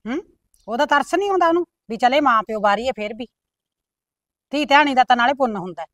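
A woman's voice: sits high, animated, quick pace, a bit bright, no echo, clean studio sound. A woman playing a firm, sensible village elder. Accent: Punjabi, Malwa. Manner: firm, reassuring, uses proverbs. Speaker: visiting elder sister, called bebe. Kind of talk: village short film acting.

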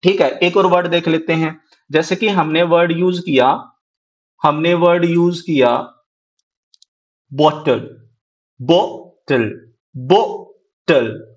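High-voiced Hindi-speaking male teacher. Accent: Haryanvi Hindi. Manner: explains in Hindi mixed with English terms, asks and answers his own questions. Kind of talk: exam-prep lecture. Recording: dull lo-fi recording.

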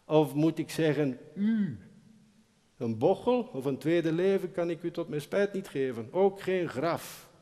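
A man playing a weary, bitter rich man in a live recitation, shouting curt and dismissive replies. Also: a little high, expressive, unhurried, pitched above the performer's own voice. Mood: scornful. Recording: live concert hall with long reverb.

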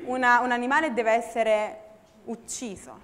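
A woman's voice: fairly high pitch, fairly even intonation, moderate pace, a bit bright. A woman interpreting a sermon phrase by phrase in a hall, often correcting herself mid-phrase. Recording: long hall reverb.

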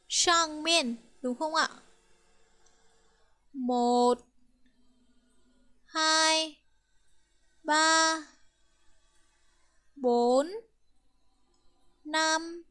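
A woman teaching Chinese with a Vietnamese accent, counting strokes aloud and drilling words slowly and carefully. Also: high-pitched, a bit bright. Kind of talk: slow, careful language lesson.

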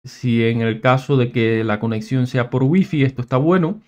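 A man giving a casual, screen-recorded software tutorial, thinking aloud and often restarting his words. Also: mid-range voice, normal speed. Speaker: tech tutorial presenter.

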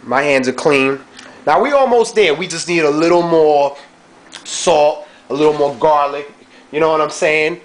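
In a dim home kitchen, a young home cook vlogger talks through his cooking in laid-back, slangy chatter, often saying "you know what I'm saying." His voice is a little high and his speed normal, captured on a handheld camera mic held close.

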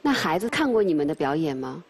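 A woman's voice: low-pitched, big pitch swings, fast, husky. Soothing woman judge on a TV stage. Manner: soothing, coaxing tone with children. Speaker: guest judge on a TV challenge show. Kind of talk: gentle stage interviewing. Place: large indoor TV studio stage. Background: music.

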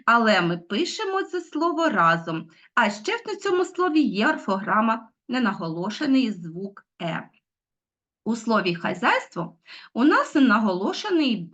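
A woman's voice: mid-range voice, a bit bright. A middle-aged woman teaching a recorded online lesson, explaining step by step and asking her pupils questions. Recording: dull lo-fi sound.

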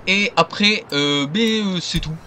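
A man's voice: high-pitched, takes it slowly, sharp tone, slight background noise. A man giving loose, rambling commentary over his gameplay as a gaming video creator.

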